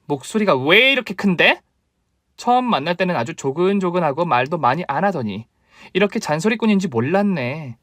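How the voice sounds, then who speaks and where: A man's voice: high voice, expressive, a little fast, fairly bright tone, no room sound, clean studio sound. A man voicing a selfish, demanding young wife who whines and accuses in a story radio drama. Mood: scornful. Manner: whiny, accusing, nagging.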